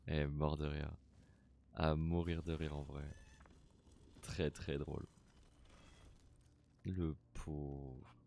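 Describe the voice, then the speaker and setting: A man's voice: rumbling low, level tone, takes it slowly, vocal fry, pauses often, a little mellow, slight background noise. A man streaming a horror game, chatting casually, talking to the characters on screen and swearing now and then.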